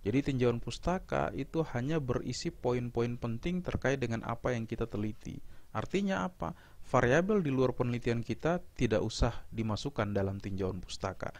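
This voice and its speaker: A middle-aged man, a university lecturer, explaining step by step in a measured recorded lecture, with small fillers and restarts. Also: mid-range voice, darkish tone.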